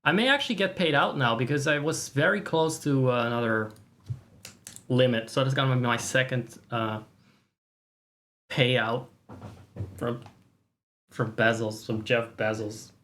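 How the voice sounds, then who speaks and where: Livestream host, casual chat. Mid-range pitch, sarcastic, mock-boastful, foul-mouthed. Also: measured pace, long pauses, a bit bright, slight background noise. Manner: profane. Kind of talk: casual chat to stream viewers.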